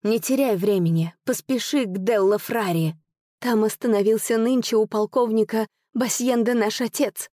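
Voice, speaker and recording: A woman's voice: fairly high pitch, normal speed, mellow, no room sound, studio quality, lightly acted. A woman voicing an impassioned young noblewoman with a ringing voice in an audiobook story. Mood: urgent. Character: young noblewoman, fierce and sorrowful.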